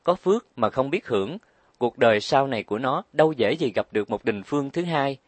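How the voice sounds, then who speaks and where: Man, audiobook narrator, calm steady delivery, medium pitch, dry sound. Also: fairly quick, dry recording.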